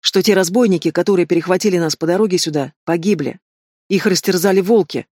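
A young noble brother, read by a man, loyal to the family and reproachful. The voice sounds fairly high, close and dry, like a storybook read. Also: fast talker, a little mellow, no room sound. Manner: reproachful, evasive.

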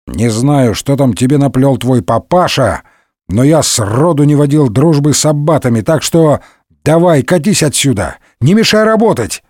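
A man's voice: medium pitch, expressive, moderate pace, a little mellow, no echo, clean studio sound, natural voice. A man voicing an irritable male musketeer who serves as police chief, barking with grumpy exasperation in a comic audiobook. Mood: irritated.

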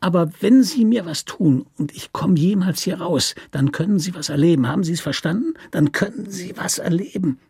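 A man's voice: high voice, lively intonation, fairly quick, vocal fry, warm tone, husky, no echo, studio quality, pitched above the performer's own voice, heavily acted. A man doing a whining nasal prisoner. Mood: whining, hissing. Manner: hissing, near-whimpering threats. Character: tall hard gaunt male prisoner, whining nasal voice.

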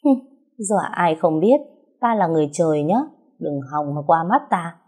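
A woman voicing a feisty, sharp-tongued young wife who teases and argues cheekily. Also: fairly low pitch, expressive. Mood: smug. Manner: cheeky, teasing, quick to argue.

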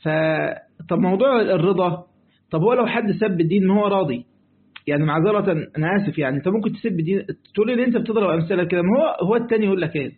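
A man's voice: high voice, rapid-fire. A man with an Egyptian accent teaching a lesson on a classical exegesis text in colloquial style, acting out little dialogues between his explanations. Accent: Egyptian Arabic. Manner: lively, acts out dialogues, switches between reading text and colloquial asides. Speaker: sheikh teaching Quranic exegesis. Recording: tinny phone-like audio.

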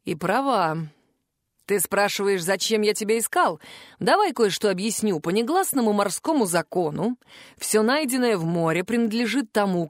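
Arrogant pirate captain, read by a woman, low mocking voice, dry close sound. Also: dry recording, lightly acted. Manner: mocking, lowered, drawn-out delivery. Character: scheming arrogant male pirate captain, menacing.

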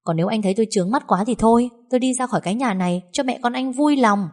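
A woman voicing a sharp-tongued, defiant young daughter-in-law in an audiobook story. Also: a little high, rapid-fire, voice pushed up, close to an everyday voice. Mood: defiant scorn. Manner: cutting, defiant.

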